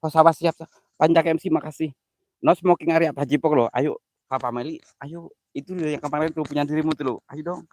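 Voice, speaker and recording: A man's voice: a little high, fairly even intonation, fairly quick, a little mellow. Giggly, flustered male live-stream host. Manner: giggly, flustered, mixing slang with broken English. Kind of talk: casual live-stream chat.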